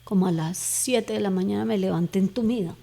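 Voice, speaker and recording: Warm-voiced woman giving an earnest testimony. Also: mid-range voice, fairly quick, gravelly. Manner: earnest, emotional storytelling with fervent prayer retold aloud. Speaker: guest giving a faith testimony. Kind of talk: personal testimony in conversation.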